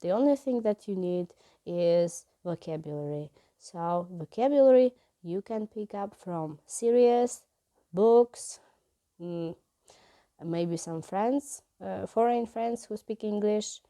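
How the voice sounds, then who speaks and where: Hesitant, mellow-voiced woman from Ukraine. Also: medium pitch, slow. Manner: hesitant, many fillers and restarts. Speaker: English teacher and vlogger. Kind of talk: casual vlog talk.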